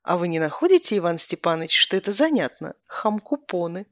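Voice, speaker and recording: An ingratiating male lodger, as a woman reader puts him on, a touch lower and softer than the narration. He flatters and titters. The sound is dry and close. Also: brisk, dry recording. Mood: giggly. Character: fawning middle-aged male lodger, giggly.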